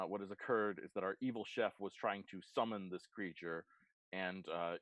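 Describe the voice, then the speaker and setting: A game master narrating a tabletop game in a relaxed, halting way with lots of fillers. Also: deep voice, no echo.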